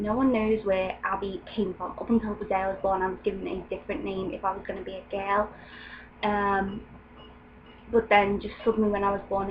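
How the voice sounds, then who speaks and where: Young woman, from England, casual chatty vlog, mid pitch, slightly dull home recording. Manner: chatty, with frequent ums and light laughs. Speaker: vlogger. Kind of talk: casual chat. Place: room at home with open window. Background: faint ambient noise through the window.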